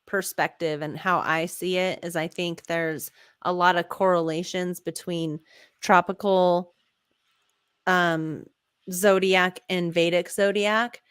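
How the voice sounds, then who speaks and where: A woman's voice: on the low side, fairly even intonation, slow, fairly bright tone, smooth, no echo, studio quality. A woman hosting a casual live chat, talking in a rambling, easygoing way. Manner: chatty, rambling, trails off. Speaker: host.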